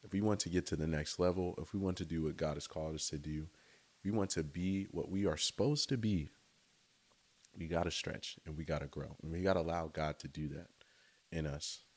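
A man's voice: extremely low pitch, steady tone, a little fast. A man giving a casual, enthusiastic devotional talk outdoors, speaking conversationally to his listeners. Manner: enthusiastic, conversational, often says "right?" and "y'all". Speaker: faith speaker.

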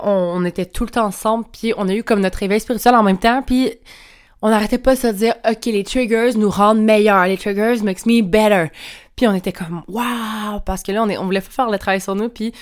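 A young woman with a Québécois French accent hosts her podcast alone from home, chatty and candid, swearing freely and laughing often. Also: mid-range voice. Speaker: podcast host. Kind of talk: casual solo podcast monologue. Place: room at home. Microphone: clip-on mic.

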